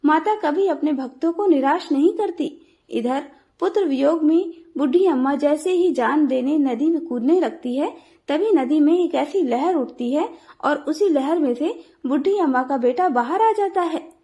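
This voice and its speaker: High-voiced woman telling a devotional tale. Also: unhurried. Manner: steady storytelling. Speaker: storyteller. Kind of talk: devotional story narration.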